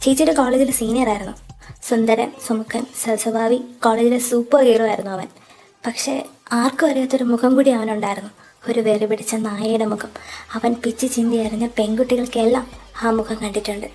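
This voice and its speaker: A woman's voice: fairly high pitch, steady tone, brisk, faint music behind, lightly acted. Woman as a tearful young college girl. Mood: grave telling. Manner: soft, tearful and hesitant. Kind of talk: fan audio drama.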